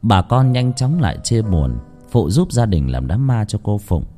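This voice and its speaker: A man narrates a ghost story with dramatic expression, his low, dark voice swinging widely in pitch to build suspense. Faint music runs under the narration. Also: very animated, normal speed.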